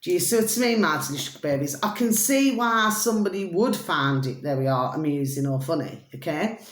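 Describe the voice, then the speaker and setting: Middle-aged Scottish woman vlogger, broad accent, lower register, rambling and affectionate, recorded in an echoey room. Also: lively intonation, brisk. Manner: repetitive, affectionate catchphrases. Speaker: video blogger. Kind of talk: casual rambling monologue to viewers.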